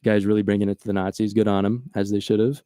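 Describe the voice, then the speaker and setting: Animated man telling a story, dry sound. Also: on the low side, fast, no echo. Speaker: podcast host. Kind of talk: casual storytelling chat.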